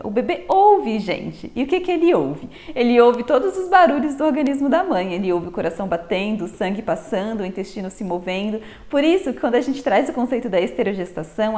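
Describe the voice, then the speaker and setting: A Brazilian woman with a Brazilian Portuguese accent and a somewhat high-pitched voice speaks to her channel's viewers. She explains baby development in a clear, teacherly way and keeps drawing the audience in with a friendly "gente". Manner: warm didactic, addresses viewers as "gente". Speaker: pediatric health educator. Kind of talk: explanatory talk to camera.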